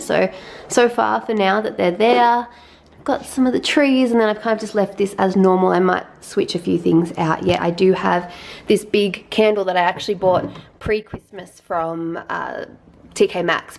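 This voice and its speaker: A young woman chatting casually to camera in her apartment, self-deprecating and relaxed. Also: mid-range voice, vocal fry. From Australia. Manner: chatty, self-deprecating, talks with mouth full while tasting. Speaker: lifestyle vlogger. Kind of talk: casual vlog chat. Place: small apartment indoors.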